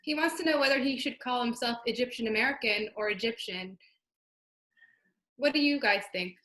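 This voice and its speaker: Woman moderator, bright forward voice, slightly high, casual questioning. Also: moderate pace.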